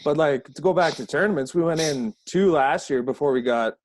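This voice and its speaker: A man's voice: fairly high pitch, fairly quick, noisy background. A man from Alberta, Canada, a guest hockey player, telling rambling stories in casual podcast chat and swearing constantly.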